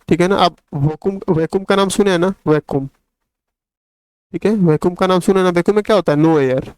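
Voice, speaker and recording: A male science teacher who reads each quiz question slowly and keeps checking in with "theek hai". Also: a little high, a little mellow, clear, resonant tone, no room sound, rough recording. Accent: Hindi. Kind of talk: explaining quiz questions in a class video.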